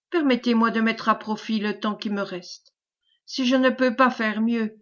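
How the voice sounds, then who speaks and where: A woman reading the lines of a servile, scheming man who flatters in a caressing, obsequious tone, in a storybook reading. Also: on the high side, lo-fi sound, lightly acted. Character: fawning, sly male schemer, servile and unctuous.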